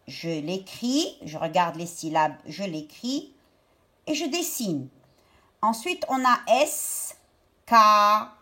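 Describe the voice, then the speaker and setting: A woman teacher talking young pupils through a worksheet step by step, stretching out each word slowly. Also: fairly low pitch, big pitch swings, fairly bright tone. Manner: slow, step-by-step, drawn-out words for young pupils. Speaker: primary school teacher. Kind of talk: remote lesson explaining a worksheet.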